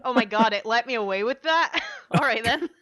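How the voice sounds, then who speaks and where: A woman's voice: on the high side, expressive, a little fast, fairly bright tone, no room sound, rough recording. A woman hosting a podcast, chatting in a bubbly, giggly way while she plays a video game. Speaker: podcast host. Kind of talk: casual chat while playing a video game.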